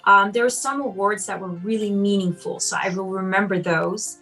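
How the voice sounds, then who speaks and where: A woman's voice: medium pitch, steady tone, normal speed, soft background music, poor audio. Encouraging woman pianist answering questions. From Austria. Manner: warm, encouraging, many ums and you-knows. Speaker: piano teacher and competition judge. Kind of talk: answering interview questions on a video call.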